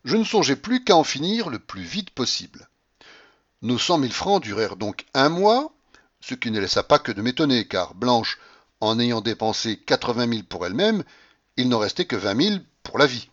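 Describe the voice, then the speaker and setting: A man giving expressive narration of a classic novel as an audiobook reader, with theatrical, emphatic phrasing. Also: mid-range voice, normal speed, highs cut off.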